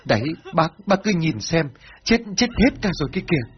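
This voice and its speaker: A man's voice: fairly high pitch, very animated, normal speed, pitched above the performer's own voice. A man doing a frantic sobbing village woman. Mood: wailing. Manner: wailing, stammering. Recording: dull lo-fi, faint music.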